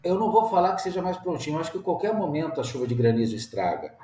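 A winegrower guest chats casually in an interview, speaking plainly and repeating words as he thinks. His voice is a little high, very animated and very fast, with a warm tone in an echoey room.

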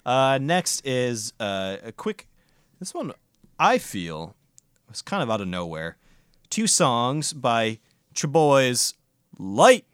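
A man's voice: mid-range voice, sing-song, slow, pauses often, clear, resonant tone, no room sound, studio quality. A man hosting a casual music podcast, reviewing records in an enthusiastic, profane, rambling way.

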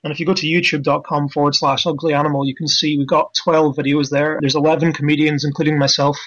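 A man with a fairly high voice talks in a casual, enthusiastic way as a science presenter being interviewed. He explains things chattily down a dull phone line. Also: flat delivery, quick pace, fairly bright tone. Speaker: science presenter and comedy night organiser. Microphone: telephone.

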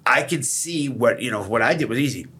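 A man's voice: mid-range voice, animated, fairly quick, sharp tone, slight background noise. A man hosting a casual podcast conversation about recovery, blunt and emphatic, swearing freely. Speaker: podcast host.

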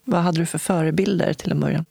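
An interviewer asks brief, encouraging questions in a casual chat. The voice has a gravelly edge and sits at a middle pitch. The recording is dry and close. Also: steady tone, mellow, dry recording.

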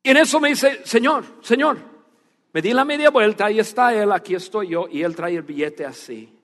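A man preaching a sermon, telling a story with animation and then speaking in a hushed, earnest tone. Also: sits high, fairly quick. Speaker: pastor. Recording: long reverb of a church hall.

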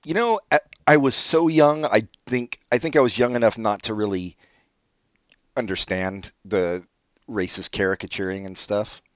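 Dull, dry lo-fi audio carries a man's lowish, slightly bright voice at normal speed, without echo. He co-hosts a podcast and keeps the chat casual and comedic, dry and rambling, with offhand cursing, his background Brazilian-born and California-raised.

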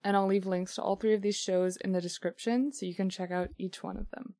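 A woman hosts a podcast, announcing and interviewing in an upbeat, clear manner. Her voice sits at a middle pitch. The sound is close and dry. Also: fairly even intonation, brisk, dark tone, no echo. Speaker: podcast host.

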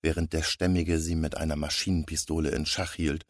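A man narrating a comic story in a steady storybook reading. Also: extremely low pitch, a little fast, no room sound, studio quality.

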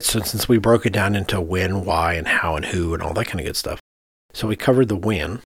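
Low-pitched and slightly breathy, a podcast co-host who works as an architect talks a little fast. He explains things in an easygoing, conversational way, often thinking aloud as he goes.

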